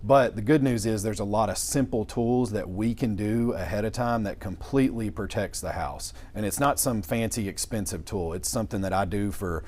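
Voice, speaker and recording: A man's voice: lowish voice, moderate pace, hardly any pauses, darkish tone. A young man, explaining things as a lawyer in an interview with folksy, informal phrasing. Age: young adult. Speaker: estate planning lawyer. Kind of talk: interview answers in plain explanatory talk.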